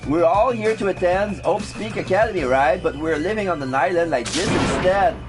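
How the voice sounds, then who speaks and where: A man's voice: high voice, normal speed, music in the background, natural voice. A man voicing a worried, earnestly reasoning student photographer from a video game.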